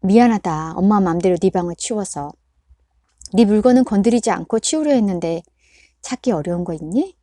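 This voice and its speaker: A woman's voice: medium pitch, animated, moderate pace, no room sound, clean studio sound, natural voice. A woman voicing an exasperated mother who scolds her son. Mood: gentle. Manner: sharp, raised scolding.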